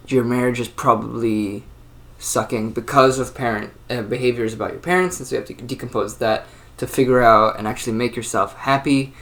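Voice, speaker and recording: A man's voice: mid-range voice, a bit bright. Rambling young man thinking aloud. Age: 20s. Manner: rambling and thoughtful, many fillers and restarts. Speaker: channel host. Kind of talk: casual solo monologue.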